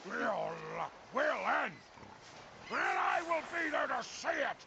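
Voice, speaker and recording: An actor playing a threatening enemy captain in a video game. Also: male voice, extremely high pitch, sing-song, measured pace, gravelly, dull audio, noisy background, heavily acted. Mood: menacing. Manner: threatening, taunting. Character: menacing male enemy captain.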